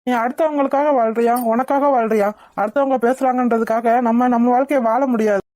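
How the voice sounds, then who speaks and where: A woman voicing a protective young male hero in a cartoon, who lectures sternly and then comforts gently. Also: a little high, steady tone, fairly quick, no echo, lightly acted. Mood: soothing. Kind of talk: cartoon voice acting.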